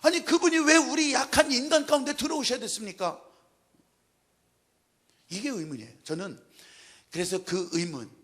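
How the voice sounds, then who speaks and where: A male pastor preaching with animated drama, acting out the scenes he tells. His voice sits high and bright, leaps across a wide pitch range, and has a husky grain. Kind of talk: sermon.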